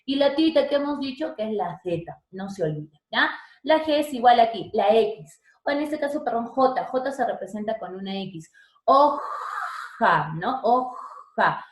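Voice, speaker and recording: Woman, teacher; higher voice, chatty classroom delivery, echoey room sound. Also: expressive, normal speed, a little mellow. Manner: chatty, checks in with students often. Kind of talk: online language lesson. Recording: roomy echo.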